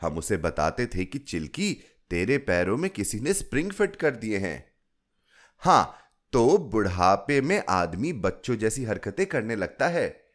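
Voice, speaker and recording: A man narrating a short story in an expressive, unhurried storytelling manner. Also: fairly low pitch. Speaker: podcast narrator.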